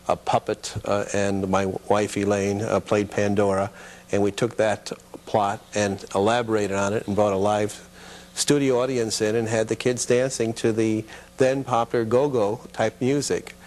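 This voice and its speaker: A mature American man, once a children's TV producer and puppeteer, reminisces casually as a guest in a television studio interview. His voice is fairly low and darkish, level in tone, at normal speed.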